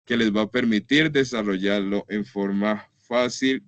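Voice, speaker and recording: A man's voice: on the low side, steady tone, unhurried, a bit bright, no echo. Patient male online teacher. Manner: patient, explanatory, repeats "entonces" and "por ejemplo". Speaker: online class instructor. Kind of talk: online lecture explaining slides.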